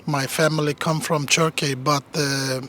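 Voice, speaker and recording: Forty-year-old man, slightly high voice, deliberate and very slow. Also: level tone, a bit bright. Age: 40s. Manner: slow, careful phrasing. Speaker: interviewee.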